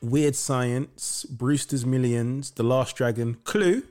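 A man's voice: medium pitch, slow pace, darkish tone, soft background music. Upbeat man hosting a podcast. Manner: upbeat, rattling off lists. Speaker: podcast host. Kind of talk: casual conversation.

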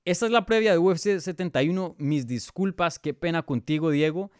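A podcast host and MMA analyst with a Bogotá Colombian accent runs a casual live sports preview, fielding viewer questions and thinking aloud through his analysis. His fairly high voice is brisk and smooth, recorded dry.

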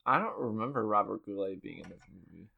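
A man co-hosting a casual podcast, laid-back and quick to laugh. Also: fairly low pitch, lively intonation, creaky, phone-quality sound. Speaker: podcast co-host.

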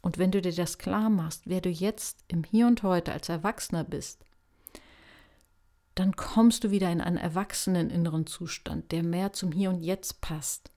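A woman hosting a self-help podcast, talking calmly and gently to the listener in a reflective, coaching manner. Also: lowish voice, moderate pace. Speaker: podcast host.

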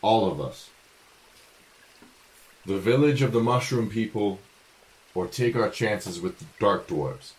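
A man's voice: lowish voice, animated, slow, pauses often, poor audio. A man playing a tabletop role-playing game, switching between casual chat and speaking in character.

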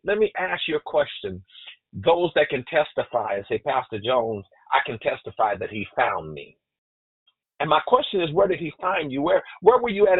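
Man, pastor, sermon, repeats words, husky, tinny phone sound. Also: on the high side, dry recording. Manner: preaching with stammered repetitions and call-outs to the congregation.

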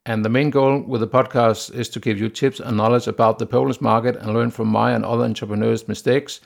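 A man from Denmark with a Danish accent hosts a solo business podcast, speaking a monologue in a gravelly, mid-pitched voice. His delivery is steady and plain, broken up often by hesitant "uh" pauses.

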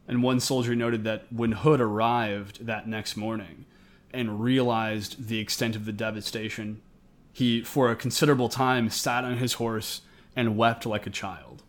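A man's voice: mid-range voice, fairly even intonation, unhurried. A man co-hosting a history podcast, telling the story in semi-scripted narration, recorded in an attic. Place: indoors in the attic of a historic house. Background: air conditioning may be running.

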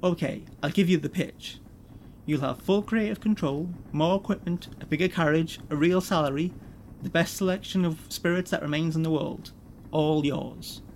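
A man's voice: on the high side, normal speed, creaky, a little mellow, a little hiss or hum. A man voicing a smug, slick corporate executive who talks in a breezy, condescending, amused way.

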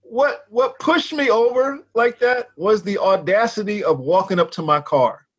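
A man co-hosting a casual chat, telling a story in an animated way, acting out the voices he quotes and swearing often. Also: moderate pace, husky. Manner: animated, acts out quotes with big pitch jumps, swears often.

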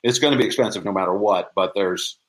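This male interview guest, a maker of props and audio dramas, talks fast in a low, slightly bright voice, explaining things casually with plenty of restarts and repeated phrases.

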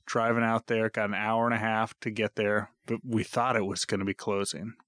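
Co-hosting a podcast, a man in his thirties rambles and jokes through casual chat, frequently cutting himself off. His voice is on the low side with a flat delivery, moderate pace, and fairly bright tone. The podcast recorder captures dry, studio-quality sound.

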